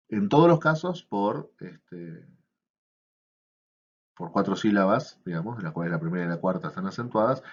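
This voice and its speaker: Low husky man lecturing on a video call. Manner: frequent fillers and checking questions; taps out rhythms with syllables. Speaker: university lecturer. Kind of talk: virtual seminar lecture. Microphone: computer microphone on video call. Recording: dull lo-fi online class audio.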